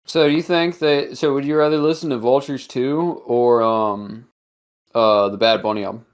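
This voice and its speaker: A man's voice: medium pitch, normal speed, clean tone. A man guesting on a casual podcast as a streamer, teasing his co-host in a jokey manner with bursts of laughter. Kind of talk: casual chat.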